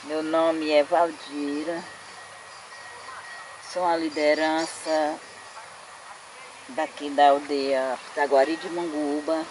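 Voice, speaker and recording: A woman speaks as a village leader in a very slow, measured way. Her voice is somewhat low. She was recorded outdoors in a shaded clearing for a documentary, with faint ambience behind her. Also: level tone, darkish tone, a little hiss or hum, rough recording. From Ceará, Brazil. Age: 60s. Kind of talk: documentary interview.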